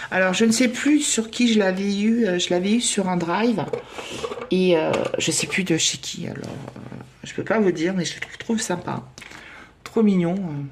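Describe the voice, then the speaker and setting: A woman's voice: medium pitch, slight background noise. Chatty woman counting her savings. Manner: chatty, self-deprecating, lots of hesitations and counting aloud. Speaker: budget vlogger. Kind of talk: casual chat while doing savings challenges.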